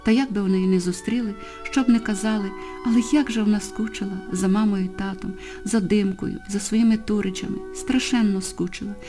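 A woman reading a historical story aloud with expressive, varied phrasing. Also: medium pitch, a little fast, music in the background. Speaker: narrator. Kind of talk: audiobook narration.

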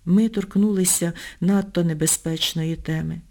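A woman narrating an audiobook in a measured, expressive storytelling manner. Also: lowish voice. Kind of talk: audiobook reading.

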